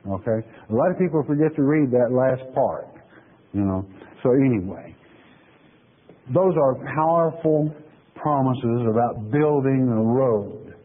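A pastor with a husky, medium-pitched, expressive male voice delivers a sermon lecture on scripture in a folksy, conversational style, often checking in with "okay?" He reads each verse slowly, then explains it in plain terms. The audio sounds thin, like it's coming through a phone.

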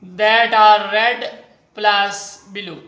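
A maths teacher with a Pakistani accent giving a whiteboard lesson in halting, piecemeal phrases, voice of unclear sex. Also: medium pitch, fairly even intonation, pushed and bright, muffled recording. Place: indoors at a whiteboard. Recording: echoey room.

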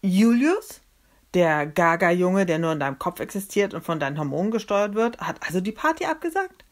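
A woman reading aloud and voicing a brash, excitable eleven-year-old girl who talks loudly and playfully. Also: fairly low pitch, brisk, voice pushed up. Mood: teasing. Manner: loud, bossy, playful.

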